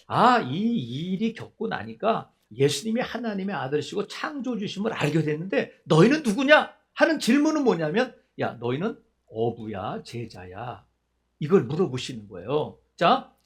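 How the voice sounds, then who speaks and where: A middle-aged man preaching a sermon as a pastor, asking his congregation many questions and acting out quoted voices in a lower tone. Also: slightly rough.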